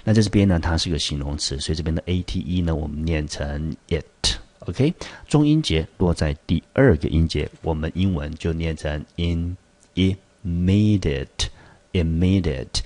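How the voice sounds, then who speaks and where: Taiwanese-accented male English teacher, very low husky voice, patient explainer. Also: a little mellow. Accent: Taiwanese Mandarin. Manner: patient, explanatory, asks the class rhetorical questions. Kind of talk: vocabulary lesson explaining word by word.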